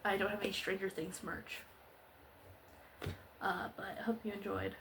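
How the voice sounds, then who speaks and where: A woman's voice: medium pitch, flat delivery, moderate pace, gravelly, background noise. A young woman ranting sarcastically in a casual, slangy, rambling video recap full of fillers. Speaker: vlogger.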